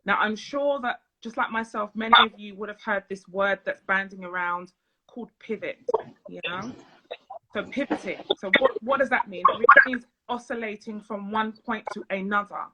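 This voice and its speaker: A woman, a financial and business coach, talking as a guest on a live phone video chat in a measured, earnest way. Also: medium pitch, heavy background noise. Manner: measured, earnest, speaks deliberately slower.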